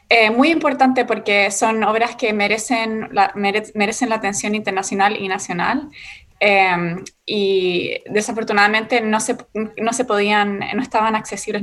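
A woman's voice: mid-range voice, fairly bright tone. A woman from Chile with a Chilean Spanish accent, a guest musician speaking earnestly in a radio interview, with some fillers.

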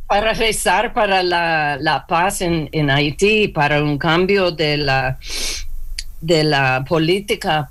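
Her voice is low, and she speaks slowly, full of fillers and restarts as she searches for what to say. She's a clinic worker being interviewed, and the conversation moves haltingly.

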